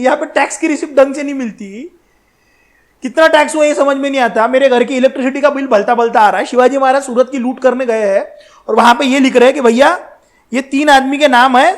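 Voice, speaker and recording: A man tells history as a lively, colloquial story, with a very high-pitched voice. He speaks straight to his listeners and drops in slangy asides along the way. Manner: animated, addresses listeners directly with slangy asides. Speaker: history educator.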